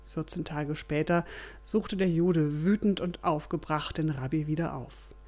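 A woman's voice: deep voice, measured pace, darkish tone. A woman hosting a motivation podcast, telling a parable as a story and addressing her listeners formally. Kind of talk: storytelling narration and sign-off.

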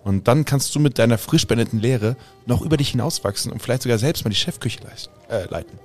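A man playing a young man from a wizard family in a tabletop role-play, a scheming flatterer who rambles and restarts often. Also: medium pitch, fast talker, soft background music, natural voice. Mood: persuading.

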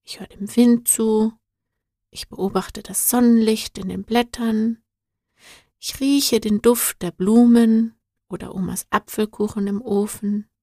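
An earnest young girl from a children's storybook speaks in a slow, dry, close voice, searching for words about her feelings, as a woman reader gives her a slightly lifted tone. She sounds heartfelt and thoughtful rather than playful. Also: mid-range voice, a little mellow, no echo.

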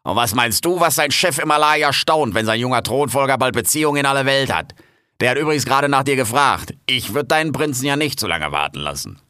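A man's voice: medium pitch, expressive, fast, pushed and bright, clear, resonant tone, no room sound, studio quality. A man doing a blunt, busy foreman. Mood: brusque. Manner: brusque, casual colloquial orders.

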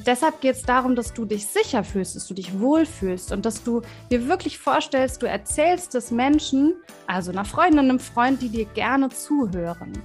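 A woman, a voice expert, explaining to children in an interview and speaking to them directly and encouragingly. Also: on the high side. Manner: warm, encouraging, speaks directly to kids with vivid examples. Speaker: voice and communication expert, guest.

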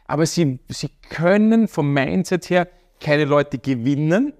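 A man's voice: a little high, expressive, a little slow, a little mellow. A man interviewing a guest, talking in long emphatic ramblings with frequent restarts. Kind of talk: casual interview talk.

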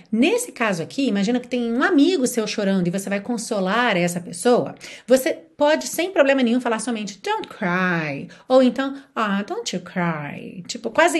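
A woman with a Brazilian Portuguese accent, teaching English in a patient lesson and acting out example phrases. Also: on the high side. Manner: explains patiently, asks the viewer questions, acts out example phrases.

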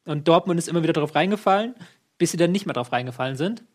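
High-voiced man arguing about football. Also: lively intonation, fast talker. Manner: argumentative, rambling with lots of fillers. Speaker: football pundit. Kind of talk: casual football chat.

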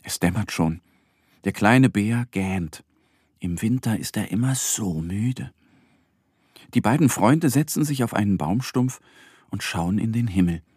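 A male storyteller reading a children's tale in a soft, expressive bedtime manner. His voice sits fairly low with a husky grain and moves a lot in pitch. The recording is close and dry. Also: a little slow, pauses often, no echo. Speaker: narrator.

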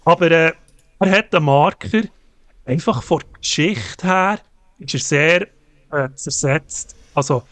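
A man, co-hosting a casual film review podcast, talking haltingly with many fillers and restarts. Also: on the high side, fairly bright tone, no room sound. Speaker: podcast co-host.

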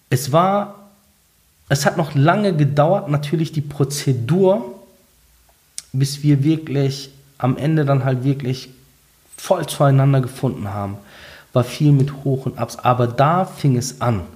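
A young man tells his own story in an earnest, halting way, often breaking off and starting again. His voice sits at a middle pitch. He speaks conversationally, as a guest talking with an interviewer. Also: darkish tone, echoey room. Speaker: guest sharing a conversion testimony. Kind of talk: personal testimony in conversation.

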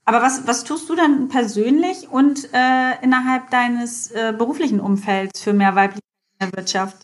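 A woman hosts a podcast interview in a clearly high voice. She speaks cheerfully and keeps things light, laughing easily as she welcomes and questions her guest. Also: normal speed. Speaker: podcast host.

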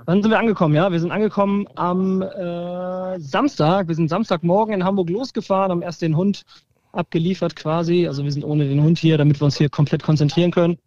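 A man's voice: high voice, steady tone, fairly quick, darkish tone, dry recording. A man calling in over the phone, giving a chatty live report from a training camp with plenty of fillers. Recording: dull, dry phone line.

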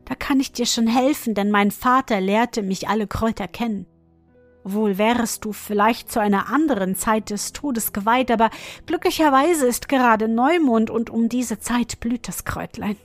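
Woman doing a calm, knowing enchanted goose. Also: fairly high pitch, normal speed, no room sound, faint music behind, lightly acted. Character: wise enchanted female goose, calm helper.

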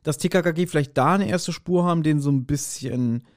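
A man with a higher voice speaks briskly as a podcast co-host. In casual chat he guesses at where an audio drama is going, in a teasing, playfully confident manner.

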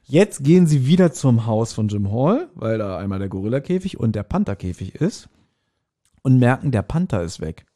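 A man co-hosting a podcast, casually retelling a story's plot in a relaxed chat. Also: medium pitch, normal speed. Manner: retells the plot with quoted lines. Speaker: podcast co-host.

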